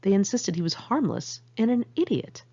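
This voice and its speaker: Reading from her own memoir, a woman speaks at medium pitch and normal speed with a sing-song, mellow, slightly rough voice. It feels like a candid, conversational amateur audiobook done in one take, captured on a muffled lo-fi recording.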